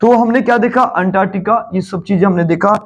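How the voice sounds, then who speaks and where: A man with a Bihar Hindi accent teaching a geography lesson, repeating key terms and quizzing the class, rising on questions and dropping low on the answers. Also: brisk.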